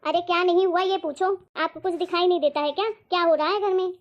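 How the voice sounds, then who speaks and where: A woman acts out a sharp-tongued mother-in-law who nags in a very high, piercing voice and rattles her complaints off at speed. Her scolding never lets up, and the lo-fi audio sounds dull and muffled. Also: steady tone, quick pace. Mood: angry. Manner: nagging, shrill complaining. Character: scolding middle-aged mother-in-law, quick-tempered. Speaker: comedy sketch actor. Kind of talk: scripted family comedy sketch.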